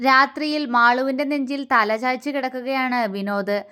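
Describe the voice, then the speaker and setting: Woman reading a love story aloud, high voice, calm steady storytelling. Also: moderate pace. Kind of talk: scripted story narration.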